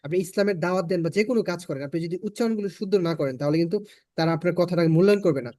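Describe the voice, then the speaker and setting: A man's voice: sits high, very fast, mellow, no room sound, studio quality. A man with a Bangladeshi Bengali accent teaching an online spoken English class, patiently repeating his points for learners.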